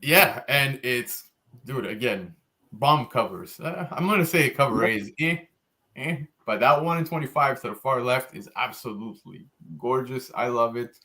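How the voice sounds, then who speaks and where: A man's voice: medium pitch, moderate pace, pushed and bright. A man hosting a casual comics podcast, talking enthusiastically about covers with lots of fillers. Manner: laid-back, enthusiastic, frequent fillers. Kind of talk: casual chat.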